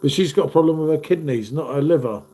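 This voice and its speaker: His voice sits fairly high, warm and quick as he runs a casual live stream. The man, in his fifties and congested from a cold, keeps up a chatty, matey banter, calling his viewers "mate".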